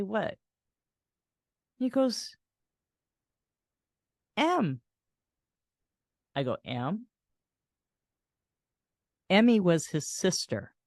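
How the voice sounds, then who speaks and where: Soft reflective older woman storyteller. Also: on the low side, dry recording, clean studio sound. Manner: reflective, soft-spoken with frequent laughs and restarts. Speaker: podcast host and caregiver. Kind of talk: personal storytelling.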